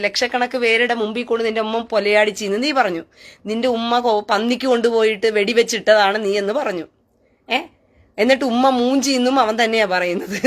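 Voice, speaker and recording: A woman with a slightly high voice talks straight into her live stream. She is scornful and taunting, and keeps firing back mocking questions.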